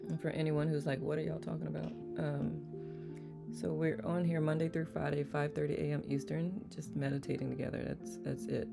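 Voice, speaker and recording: Over soft guitar music, a meditation livestream host chats casually, greeting viewers by name, reading their comments aloud and laughing easily. The voice is mid-range and gravelly, brisk, with little pitch movement.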